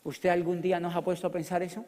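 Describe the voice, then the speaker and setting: A middle-aged man with a Colombian accent, a motivational speaker telling his story in an animated, joking way with loud outbursts. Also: high-pitched, quick pace. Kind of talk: storytelling business talk. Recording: long hall reverb.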